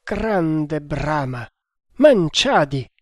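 A devoted servant in a storybook adventure, earnest and fearful, his voice lifting a little higher and louder when he calls out urgently, as a male narrator puts him on. The recording is dry and close. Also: lively intonation, measured pace, slightly rough, dry recording. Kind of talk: audiobook character voice.

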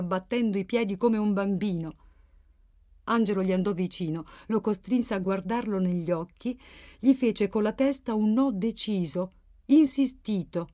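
A woman narrating a novel in a measured, expressive reading style. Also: medium pitch. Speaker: audiobook narrator. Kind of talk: literary narration.

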